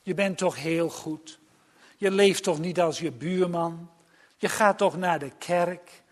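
A preacher putting on a sly male devil who murmurs temptations in a soft, coaxing voice. The voice sits fairly high for a man and the words come unhurried and lulling.

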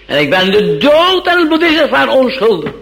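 Man doing a high, declaiming Roman governor, defensive and insistent, gravelly, drawn out. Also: sing-song, fairly quick, fairly bright tone, slight background noise, exaggerated voice, rough recording. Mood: protesting. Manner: declaiming, insistent, repeats himself. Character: Roman governor protesting his innocence, defensive.

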